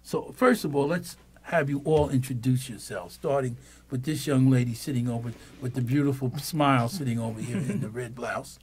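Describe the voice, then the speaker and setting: An older man hosts a radio talk show from a small studio, musing at length into a boom-mounted studio mic. His voice is medium-pitched and a little mellow, moving at a normal speed with hardly any pauses, in a musing, speechifying manner.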